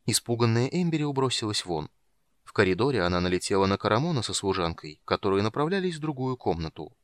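A man narrating a fantasy audiobook in a steady, measured storytelling voice. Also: lowish voice, no echo, studio quality.

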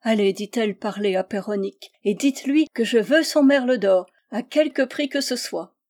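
A woman's voice: fairly high pitch, moderate pace, darkish tone, close to an everyday voice. A woman reading a storybook, voicing a haughty, spoiled young princess who gives commands. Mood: imperious. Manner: commanding, exclamatory.

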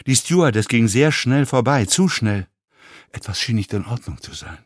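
A man narrating a story as an audiobook in a quiet, low, tense voice. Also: lively intonation, normal speed, no echo, clean studio sound. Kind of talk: audiobook reading.

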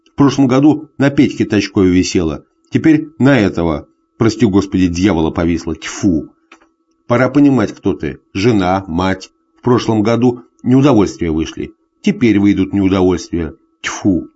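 A man puts on a tipsy, jealous husband, bullying and full of threats, his low voice hollow and tearful and swinging wildly in pitch. The sound is a dull, lo-fi audiobook recording. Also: expressive, moderate pace, mellow. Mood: scolding. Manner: hoarse tearful bullying rants. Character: drunk jealous husband, middle-aged, bullying.

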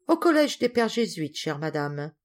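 A woman voicing a calm, firm middle-aged father in an audiobook, speaking in a matter-of-fact way. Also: lowish voice, moderate pace.

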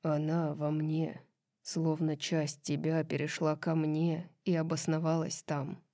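A woman voicing a tender, awed winged fallen-angel man, speaking in a hushed, breathy whisper with her voice pitched lower and softer than her narration. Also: completely flat delivery, measured pace, no room sound, studio quality.

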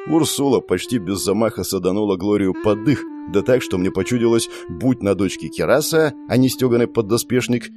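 A man narrating a first-person audiobook in a steady, even storytelling manner. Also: on the low side.

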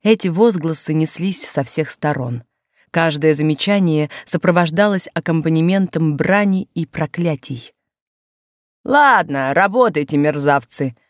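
A woman narrating a novel aloud in a steady, measured reading. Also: low voice, dry recording, clean studio sound. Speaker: audiobook narrator.

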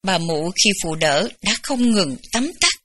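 Bright-voiced woman reading a memoir. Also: lowish voice, animated. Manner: gentle, unhurried storytelling with light laughs. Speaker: audiobook reader. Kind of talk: memoir read aloud.

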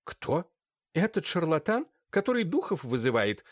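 A man's voice: medium pitch, big pitch swings, moderate pace, dry recording, clean studio sound, pitched above the performer's own voice. A man voicing a fussy older aunt who hosts guests and orders the servants about. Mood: scornful. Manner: fussy, bossy toward servants. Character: aging female aunt, fussy hostess.

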